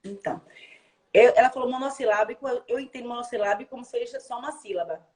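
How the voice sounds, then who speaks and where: Brazilian woman, Bahian accent, speech therapist; quick, highish, animated, demonstrates phrases to a child. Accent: Bahian Brazilian Portuguese. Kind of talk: explaining advice in a live chat.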